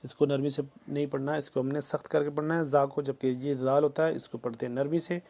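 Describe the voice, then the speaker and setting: A man teaching Quran recitation, drawing each verse out slowly, then explaining pronunciation rules in quick plain speech. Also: a little high, level tone, vocal fry, darkish tone. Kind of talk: tajweed lesson, slow word-by-word recitation.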